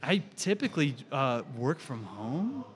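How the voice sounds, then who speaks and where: A man's voice: medium pitch, a little slow. Laid-back young man, rambling recruiter. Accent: Texan. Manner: relaxed, rambling, many fillers. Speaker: volunteer recruiter for a nonprofit. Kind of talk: casual conversational interview.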